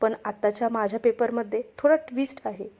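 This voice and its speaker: A woman's voice: on the high side, brisk, darkish tone, close to an everyday voice. A woman voicing a scheming female villain who taunts and laughs at her captives. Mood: taunting.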